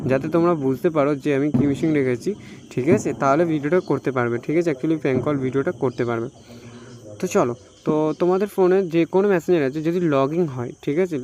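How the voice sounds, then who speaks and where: Over a noisy background, a tech tutorial YouTuber from India, speaking with a Bengali accent in a voice on the high side, gives an informal phone walkthrough. He repeats himself a lot and keeps tagging phrases with checking questions.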